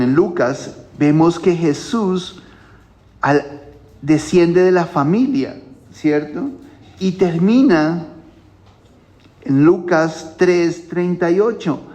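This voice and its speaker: A man's voice: fairly high pitch, a little mellow. A male pastor giving a Bible teaching at a home church, explaining things step by step and often checking in with his listeners.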